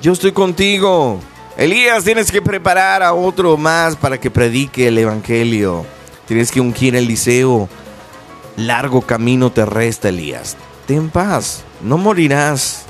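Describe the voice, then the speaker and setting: A man putting on the voice of God as a calm, gentle, fatherly figure who speaks slowly and soothingly. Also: mid-range voice, faint music behind, natural voice. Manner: soothing, slow, reassuring.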